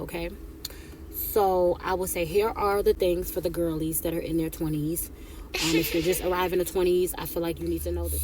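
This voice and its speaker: A woman in her thirties offers casual life advice to the camera in a chatty, repetitive way, often ending points with "right?" or "okay?". Her voice is lowish with a darkish tone, and there's slight background noise.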